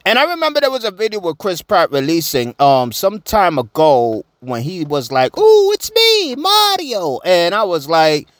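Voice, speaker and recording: A man giving casual opinion commentary, slangy, animated and repeating himself. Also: a little high, normal speed, few pauses, no echo, clean studio sound. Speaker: vlogger.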